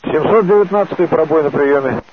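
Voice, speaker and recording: A man's voice: fairly high pitch, brisk. A man working as a ground flight controller over a two-way radio, giving terse, clipped calls and readbacks. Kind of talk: radio traffic procedure. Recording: tinny radio link with faint hiss.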